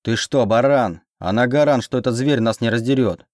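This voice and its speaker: A man voicing a desperate, defiant young woman heroine who shouts back at her captors. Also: mid-range voice, normal speed, no room sound, studio quality, natural voice. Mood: shouting.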